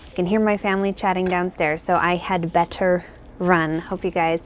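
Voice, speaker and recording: A woman's voice: fairly low pitch, steady tone, normal speed, slight background noise. A woman talking in a casual, rambling way, thinking aloud as she shows her crochet work. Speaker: crochet pattern designer. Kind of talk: casual chat. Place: home, indoors.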